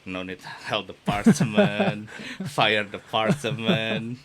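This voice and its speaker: A man's voice: fairly low pitch, big pitch swings, slow pace, crowd noise. A man, chatting casually as a podcast guest, laughing often and filling his talk with "you know.". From Indonesia. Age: 30s. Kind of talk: casual conversation mixing English and Indonesian.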